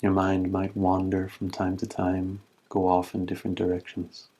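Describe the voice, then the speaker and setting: Calm and measured, a male meditation teacher leads a guided session with long pauses. He has a low-pitched voice.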